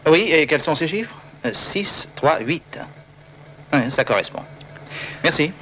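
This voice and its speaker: An actor playing a methodical, long-winded code-breaking colleague who explains things pedantically in a 1970s film drama. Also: male voice, on the high side, lively intonation, slow pace, pushed and bright, slight background noise, full character voice, low-quality recording. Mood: methodical, pedantic. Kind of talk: 1970s French-language film drama acting.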